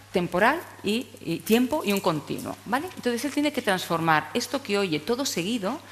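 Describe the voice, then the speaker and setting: Woman, conference lecturer, mid pitch, reverberant hall. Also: a little hiss or hum. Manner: explanatory, frequent tag questions. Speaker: speech therapy lecturer. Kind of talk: conference talk to teachers.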